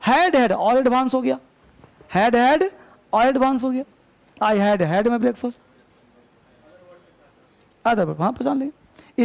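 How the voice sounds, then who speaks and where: During a live lesson, a male English teacher with an extremely high-pitched voice drills example sentences slowly and quizzes his students.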